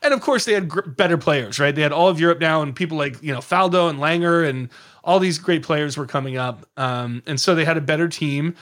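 Lively, raised-voiced man telling stories. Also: a little high, a little fast. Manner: lively, digressive storyteller who slips into quoted voices. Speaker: podcast guest. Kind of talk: casual storytelling on a podcast.

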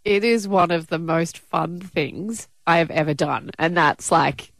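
A woman's voice: lowish voice, measured pace, no room sound. A young Australian woman chatting on radio in an informal, gushing, enthusiastic way. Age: young adult. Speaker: radio promotions presenter. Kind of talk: casual enthusiastic radio chat.

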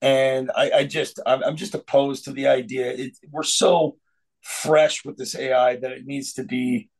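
A man with a medium-pitched, slightly mellow voice speaks in a level tone at a measured pace, sitting on a podcast roundtable. He argues his opinions in a casual discussion, often restarting hesitantly and using fillers, and the audio quality is poor.

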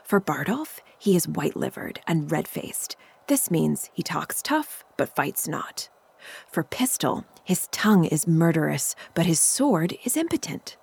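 A woman's voice: fairly low pitch, creaky, a little mellow, husky, no echo, full character voice. A woman playing a scornful young servant boy. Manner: mocking, confiding asides. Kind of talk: Shakespearean stage acting.

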